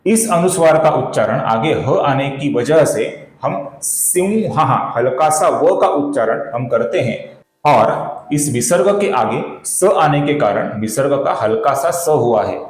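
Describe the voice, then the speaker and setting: A man teaching correct pronunciation of Sanskrit verses, chanting them slowly and deliberately and addressing viewers as friends. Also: mid-range voice, expressive, roomy sound, low-quality recording. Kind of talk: recitation tutorial.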